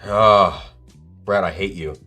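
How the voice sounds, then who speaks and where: A man's voice: low voice, fairly even intonation, slow pace, pushed and bright, slightly rough, faint music behind. A man hosting a live whiskey tasting stream, exclaiming, swearing freely and thinking aloud as he tastes.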